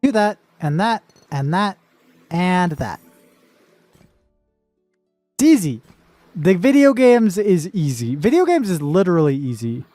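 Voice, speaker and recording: A woman's voice: on the low side, big pitch swings, unhurried, pauses often, warm tone, no room sound, faint music behind. A woman streaming a puzzle game, talking playfully through her moves and swearing casually. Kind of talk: casual live gameplay commentary.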